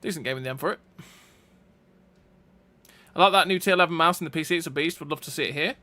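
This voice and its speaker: A man's voice: fairly high pitch, bright, forceful tone. A man giving casual gameplay commentary, chatty and thinking aloud as he plays. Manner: chatty, thinks aloud with restarts and quick reactions.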